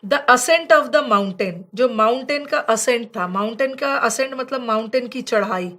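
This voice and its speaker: हिंदी में शब्द समझाती, ऊँची आवाज़ वाली महिला शिक्षिका. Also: female voice, fairly high pitch, a bit bright. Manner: explains in Hindi, mixing in English words, and reads English example sentences slowly. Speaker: English vocabulary teacher. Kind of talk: slide-based exam vocabulary lesson.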